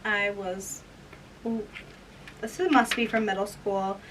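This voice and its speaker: A woman in her twenties vlogs casually about her old diaries, reading them aloud with embarrassment and self-mockery. Her mid-range voice is steady and slow, and the distant mic picks up room noise.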